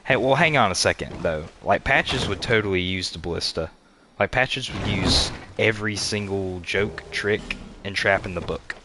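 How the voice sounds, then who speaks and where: With steady background noise behind him, this thirty-something streamer talks through his game at a moderate pace in a deep voice. His manner is relaxed, full of chatter with his audience and frequent laughter.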